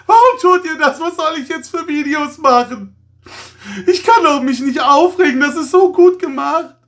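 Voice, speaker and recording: A man's voice: extremely high pitch, animated, normal speed, fairly bright tone, voice pushed up. A man playing a melodramatic, outraged toy reviewer who rants in a wailing, theatrical way as satire. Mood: whiny outrage. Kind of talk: satirical rant.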